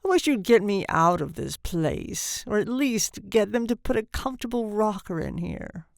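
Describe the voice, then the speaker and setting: A woman's voice: sits high, big pitch swings, measured pace, no echo, clean studio sound, voice pushed up, exaggerated voice. A woman voicing a querulous seventy-year-old newborn man in a storybook, with a weak, cracked, whining voice. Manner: complaining, querulous.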